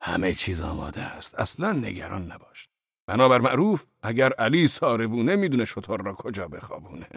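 A man voicing an earthy, coaxing old male laborer in an audiobook, talking with lively jumps in pitch. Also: gravelly, breathy edge, no echo, studio quality, exaggerated voice.

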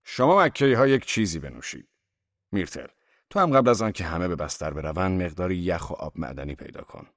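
A man's voice: low-pitched, expressive, a bit bright, no room sound, clean studio sound. A man voicing an arrogant, brusque wealthy man who gives orders. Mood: commanding. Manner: commanding.

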